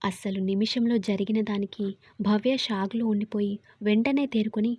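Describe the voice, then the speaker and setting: A woman narrating an audio story with steady, expressive reading. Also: mid-range voice, normal speed, husky, no echo, lo-fi sound.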